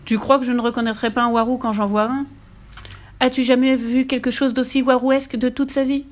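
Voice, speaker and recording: A woman's voice: high-pitched, little pitch movement, brisk, voice pushed up, close to an everyday voice. Woman playing a cheeky little redheaded girl. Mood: triumphant. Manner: bold, indignant, playful. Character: cheeky fearless red-haired little girl.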